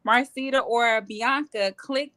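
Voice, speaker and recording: Relaxed woman co-host, lots of "like". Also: fairly high pitch, slow pace. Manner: relaxed, filler-heavy with "like". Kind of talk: casual chat.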